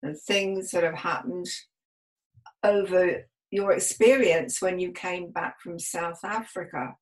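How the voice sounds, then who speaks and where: A woman's voice: lowish voice, fairly even intonation, slow pace, low-quality recording. A woman hosting a radio show, chatting casually and inviting her guest to share. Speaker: radio host. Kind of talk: casual chat.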